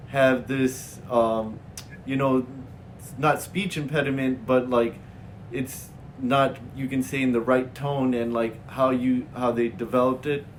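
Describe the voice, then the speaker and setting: A man from Sri Lanka hosting an interview, asking questions haltingly with many fillers. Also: medium pitch, fairly even intonation, a little hiss or hum. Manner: hesitant, many fillers and restarts. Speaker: interviewer, show host. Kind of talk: casual interview chat.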